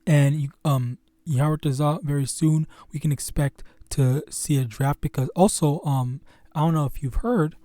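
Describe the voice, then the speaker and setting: A man hosting his own religious channel, teaching scripture informally in a halting, stuttering way full of fillers and restarts. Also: on the high side, fairly even intonation, dark tone, no room sound.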